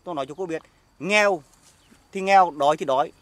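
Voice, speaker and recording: A middle-aged man with a Northern Vietnamese accent playing a jealous, hard-drinking husband who shouts sarcastic accusations outdoors in an orchard, in an amateur skit. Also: on the high side, fast talker, no room sound, close to an everyday voice. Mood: scornful.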